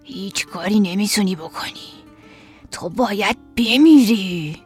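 A woman's voice: mid-range voice, soft background music, close to an everyday voice. A woman voicing a cruel, menacing husband in a storybook reading, speaking coldly and threateningly. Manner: threatening, cold. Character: cruel menacing husband, grown man, villain.

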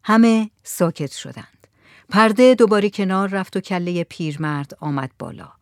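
A woman narrating an audiobook in a measured, even storytelling manner. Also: medium pitch, no echo, studio quality.

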